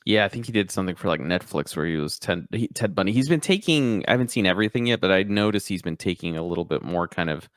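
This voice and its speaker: Quick low-voiced guy chatting loosely, lots of likes, dry close mic. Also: lively intonation, no room sound. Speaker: podcast co-host. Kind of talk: casual film chat.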